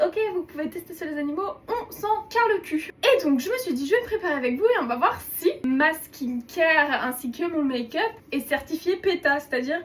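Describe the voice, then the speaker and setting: A young woman chatting casually and playfully while doing her makeup, swearing now and then. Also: high voice. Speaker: beauty vlogger. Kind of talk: casual get-ready-with-me chat.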